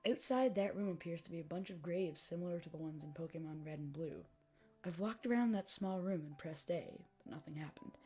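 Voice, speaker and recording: A woman narrating a scripted horror story, reading dramatically with phrases that tail off softly. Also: fairly low pitch, brisk, breathy edge. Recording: music behind the voice. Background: music.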